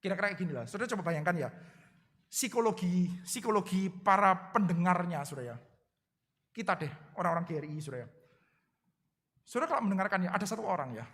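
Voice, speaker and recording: A male pastor preaching a sermon in a lively way, addressing the congregation as "brothers and sisters" after nearly every phrase. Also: high voice, fast, long pauses. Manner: lively, acts out quotes in different voices. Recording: long hall reverb.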